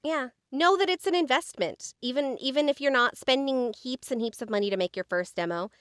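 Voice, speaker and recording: An American woman, a voice actor co-hosting a podcast about voice acting, talks in a casual chat, earnest and emphatic. Her voice sits high and moves a little fast, fairly bright, with clean studio sound and no room echo.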